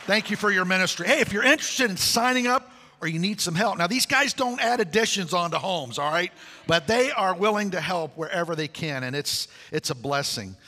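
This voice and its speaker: Bright-voiced man preaching in a reverberant hall. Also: sits high, fairly quick, a little hiss or hum. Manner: animated, jokey storytelling with acted-out dialogue. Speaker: pastor. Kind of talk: sermon. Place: large church sanctuary.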